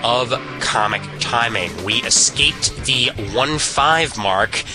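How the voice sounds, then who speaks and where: A man's voice: mid-range voice, slow, over music. A man in his twenties with a Brooklyn accent, casually hosting a podcast. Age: 20s. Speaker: podcast host.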